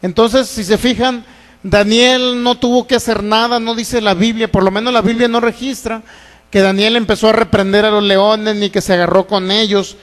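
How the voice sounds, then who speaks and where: A man from Mexico preaches a sermon in a high, light voice, often putting questions to his congregation and answering them himself. His voice rings out with the long reverb of a church hall. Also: fairly even intonation, moderate pace. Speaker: pastor. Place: church sanctuary.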